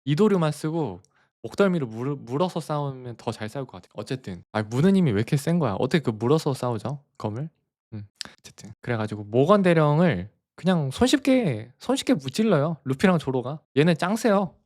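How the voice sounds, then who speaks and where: A man's voice: fairly high pitch, animated, fairly quick, darkish tone. A man casually retelling a cartoon story on a live stream, chatty and laughing often.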